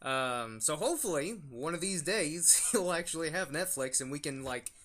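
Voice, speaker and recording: A YouTube channel host, a young man with a fairly high, pushed and bright voice, rambles animatedly through a casual review chat at a moderate pace. He uses lots of fillers and restarts.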